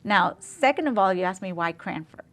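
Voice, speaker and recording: A middle-aged woman from Zambia, a dentist, talking in a casual interview with eager, warm storytelling and frequent fillers. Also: mid-range voice, animated, normal speed.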